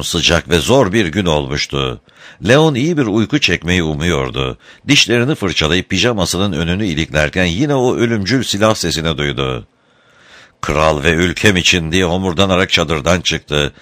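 A man narrating a novel as an audiobook, in a scripted, expressive storytelling manner. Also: deep voice, dry recording.

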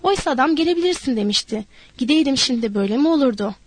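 A lonely young wife, restless and yearning for someone to talk to, read by a woman narrator. Her words tumble out eagerly and pleadingly, in a fairly high voice. The recording is close and dry, like a storybook audiobook. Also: lively intonation, racing, no echo. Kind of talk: audiobook character voice.

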